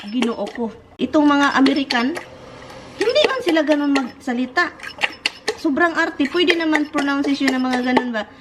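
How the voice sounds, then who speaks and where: A middle-aged Filipina with a Visayan accent vlogs from home, chatting casually to the camera and giggling. Her voice sits high and animated at a moderate pace, and the recording is very noisy.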